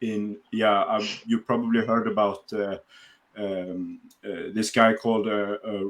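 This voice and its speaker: A man's voice: on the low side, level tone, unhurried. A man from Sweden, hosting a casual interview podcast and talking with many fillers and restarts. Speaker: podcast host.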